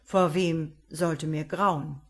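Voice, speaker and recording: A woman voicing a solemn male pastor at a funeral, speaking slowly and sonorously. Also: deep voice, fairly even intonation, exaggerated voice. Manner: slow sonorous sermon delivery. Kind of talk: audiobook character voice.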